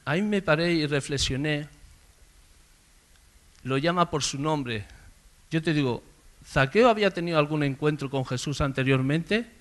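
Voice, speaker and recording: A man preaching a sermon in a conversational storytelling way, calling out names loudly. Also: fairly high pitch, moderate pace, long pauses. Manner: conversational storytelling, swells loud on names called out. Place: church service.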